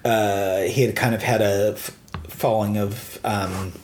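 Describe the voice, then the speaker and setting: A man's voice: fairly low pitch, steady tone, takes it slowly, darkish tone, slight background noise. A man from the United States chatting casually as a co-host, rambling and hesitant with many fillers. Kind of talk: casual chat. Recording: roomy echo.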